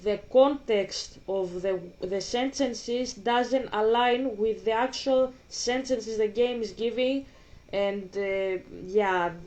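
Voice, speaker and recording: A gaming vlogger with a fairly high voice and a Greek accent, a native Greek speaker, plays a video game while giving casual commentary. She's blunt, swears a lot, and launches into animated rants, all captured in lo-fi sound.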